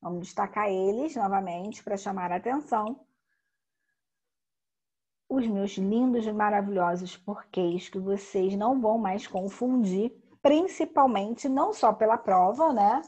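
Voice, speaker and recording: A woman teacher giving a recorded grammar lesson, explaining slowly and emphatically with frequent tag questions. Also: mid-range voice, warm tone, slightly rough.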